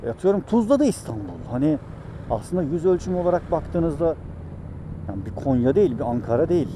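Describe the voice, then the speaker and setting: A man's voice: on the high side, sing-song, fast. A man talking casually and ramblingly to viewers from inside a helmet as he rides a motorcycle through city traffic, in a motovlog style. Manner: rambling, conversational, addresses viewers directly. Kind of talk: casual vlog chat while riding a motorcycle. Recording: loud traffic and engine noise.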